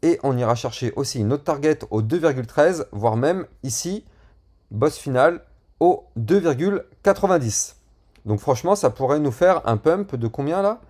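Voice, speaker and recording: A man's voice: medium pitch, a little mellow. A man casually talking through crypto price charts and plugging his channel, with many fillers and bits of slang. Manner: chatty, with frequent fillers and slang. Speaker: crypto YouTuber. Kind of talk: chart analysis and channel promotion.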